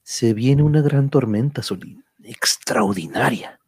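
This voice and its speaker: Husky, stoic adventure hero. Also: male voice, mid-range voice, sing-song, darkish tone, no room sound, studio quality. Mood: pensive. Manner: measured, reassuring. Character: calm, stoic adventure hero counselling patience. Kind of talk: radio drama acting.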